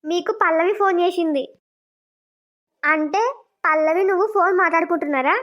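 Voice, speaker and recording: A woman voicing a gentle young wife who questions softly and suspiciously, on a dull lo-fi recording. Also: extremely high pitch, fairly quick. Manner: soft, questioning.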